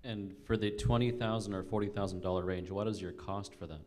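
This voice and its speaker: Deep-voiced man questioning in a hall. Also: fairly even intonation, brisk, darkish tone, a little hiss or hum. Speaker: pitch competition judge. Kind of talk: spontaneous direct questions. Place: large conference hall. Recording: echoey hall, long reverb.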